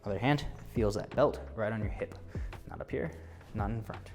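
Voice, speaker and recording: A man's voice: lowish voice, normal speed, vocal fry, a little mellow, soft background music. A man teaching a martial arts class as instructor, giving short, clipped counts and commands and explanations of drills. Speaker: taekwondo instructor.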